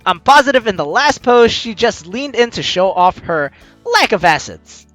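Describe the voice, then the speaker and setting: With a mid-range voice, big pitch swings, a moderate pace, and a slightly bright tone, a let's player offers jokey, teasing commentary and reads the story out loud. The recording is dry, with game music behind.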